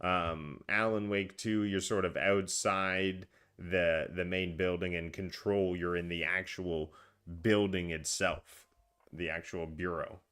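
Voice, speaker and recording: A man's voice: deep voice, level tone, slow, a bit bright, clean tone. A man co-hosting a casual gaming podcast, chatty and self-deprecating, rambling with fillers. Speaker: podcast co-host.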